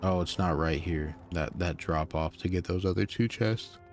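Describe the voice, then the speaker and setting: A man's voice: deep voice, moderate pace, faint music behind. A tired young man casually commenting while streaming a video game, rambling with lots of fillers and restarts. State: tired, yawning.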